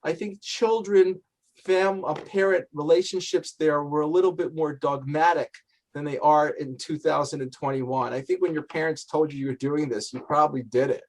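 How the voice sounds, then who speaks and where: Higher-pitched man, informal and reflective. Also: steady tone, normal speed, low-quality recording. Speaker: speaker answering questions. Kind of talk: informal recounting of family history on a video call.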